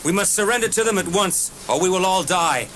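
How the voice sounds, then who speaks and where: A man's voice: sits high, lively intonation, fairly quick, a bit bright, a little hiss or hum, pitched above the performer's own voice. A man doing an earnest, heroic superhero. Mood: solemn. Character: noble male superhero, firm and heroic. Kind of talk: audiobook character voice.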